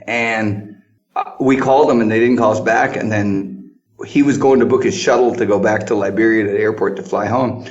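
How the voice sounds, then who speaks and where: A man co-hosts a casual podcast, spinning stories with an animated, chuckling delivery. His sound is slightly muffled and lo-fi, recorded in a tiled bathroom. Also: lowish voice, normal speed. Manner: storytelling, animated, laughs while talking. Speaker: podcast co-host. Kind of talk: casual chat.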